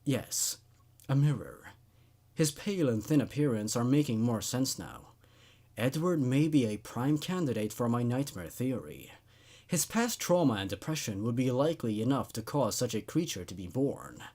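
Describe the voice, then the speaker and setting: Playing the inquisitive psychiatrist of a horror storybook, he sounds intrigued, his husky voice staying calm and clinical at a moderate pace. Wide pitch swings betray a hidden obsession in his musing.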